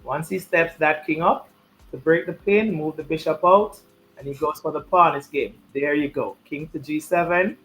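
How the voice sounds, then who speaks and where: A man's voice: fairly high pitch, normal speed, fairly bright tone, a little hiss or hum, poor audio. A man giving live chess commentary and chatting, repeating his key points for emphasis.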